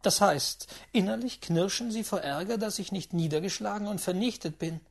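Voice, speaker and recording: A proud, hot-headed young gambler in an audiobook, as a reader puts him on. He talks loud and fast in heated bursts, with a breathy, husky edge. He sounds defiant and worked up. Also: medium pitch, voice pushed up. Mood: mocking. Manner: raised, heated, rapid outbursts. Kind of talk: audiobook reading.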